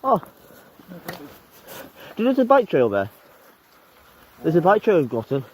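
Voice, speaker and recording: An eighteen-year-old male vlogger rambles casually outdoors on a snowy road, swearing and laughing. His voice is on the high side with huge pitch swings and a moderate pace, and the recording carries a little hiss or hum.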